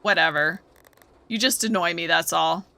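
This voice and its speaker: A woman's voice: on the low side, gravelly, sharp tone. A woman voicing a blunt, sarcastic young apprentice in a game. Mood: angry. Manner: sarcastic, rude, quick.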